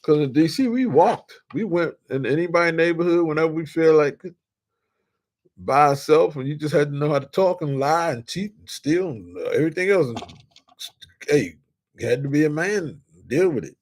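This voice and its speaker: Excitable older man from D.C. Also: a little high, moderate pace. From Washington, D.C. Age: 60s. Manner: animated, shouts with excitement, drawls and stretches words. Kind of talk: casual storytelling monologue.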